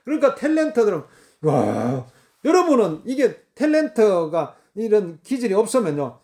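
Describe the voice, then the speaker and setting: A man delivers a sermon in a high voice. He talks emphatically, repeating phrases and filling pauses as he goes. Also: huge pitch swings, darkish tone. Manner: repetitive, emphatic preaching with many fillers. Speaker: preacher.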